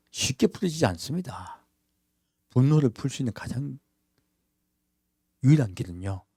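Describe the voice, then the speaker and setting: Pastor preaching in a church, man, lively swinging pitch, dry close sound, chatty with rhetorical questions. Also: no echo. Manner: conversational preaching with frequent rhetorical questions to the congregation; acts out everyday quotes in character voices. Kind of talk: sermon.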